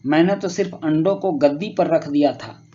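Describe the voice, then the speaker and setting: A man's voice: on the high side, normal speed, warm tone, lightly acted. Guilty little boy, sheepish and pleading, read by a guy, muffled audio. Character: guilty young boy caught out. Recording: muffled lo-fi recording.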